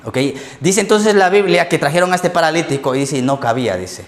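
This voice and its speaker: A man's voice: on the high side, expressive, a little fast. A man preaching a sermon as a pastor in a church, telling stories and acting out quoted lines, often checking in with the congregation.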